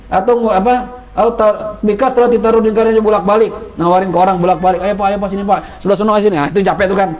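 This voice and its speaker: A young man teaching a casual Islamic law lesson, explaining Arabic phrases in relaxed Indonesian with jokes and laughter. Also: high-pitched.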